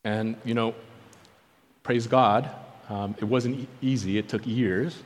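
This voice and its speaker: Slowly and in a steady, mid-range voice, a preacher born in South Korea tells his personal story earnestly, acting out conversations from memory. The sound has long hall reverb.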